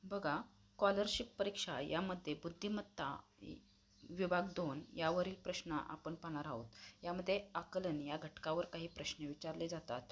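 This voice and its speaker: A woman teacher explaining an exam lesson to children, talking to them directly and pronouncing each letter slowly and clearly. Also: sits low, a little hiss or hum. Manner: addresses pupils directly.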